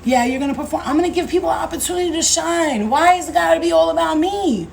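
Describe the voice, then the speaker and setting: A woman in her thirties hosting a casual livestream as a spiritual coach, talking in an animated, slangy way, swearing freely and calling viewers babe and baby. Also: extremely high pitch, fast talker, vocal fry, a little hiss or hum, poor audio. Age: 30s.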